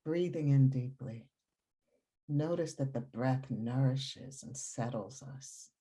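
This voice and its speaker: A very deep, soft, breathy female voice leads a meditation session. She keeps everything calm and soothing, unhurried, and leaves long stretches of pause.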